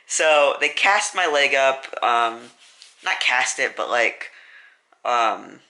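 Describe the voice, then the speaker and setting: Bright-voiced vlogger rambling. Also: male voice, mid-range voice, lively intonation, slow. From US Midwest. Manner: rambling, self-correcting, many fillers. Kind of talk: casual storytime vlog.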